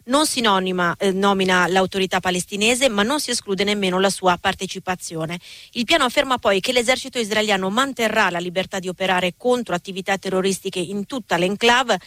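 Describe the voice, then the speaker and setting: Female radio correspondent, mid pitch, steady report with hesitant fillers, dry booth. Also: a little fast, no room sound. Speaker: news correspondent.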